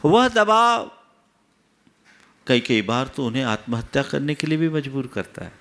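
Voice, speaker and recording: A man's voice: mid-range voice, big pitch swings, unhurried, a bit bright. A man, a monk, giving a sermon that questions his listeners and teaches through everyday anecdotes. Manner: asks the audience rhetorical questions. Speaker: Jain monk preacher.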